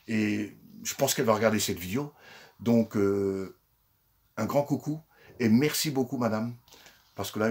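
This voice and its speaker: Chatty older man, lowish voice. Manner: chatty, with frequent fillers and restarts. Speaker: secondhand collector vlogger. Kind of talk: casual chat. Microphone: phone.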